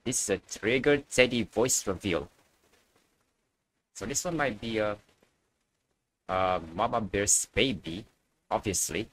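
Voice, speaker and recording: Low-voiced young man reacting casually. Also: a little slow, pauses often, fairly bright tone, low-quality recording. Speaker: reaction video host.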